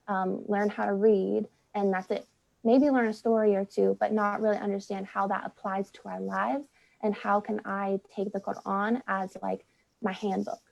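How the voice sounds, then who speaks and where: A young American woman chats casually as a guest, using "like" a lot and acting out quotes along the way. Her mid-range voice carries vocal fry and a slightly mellow quality, and the audio sounds dull.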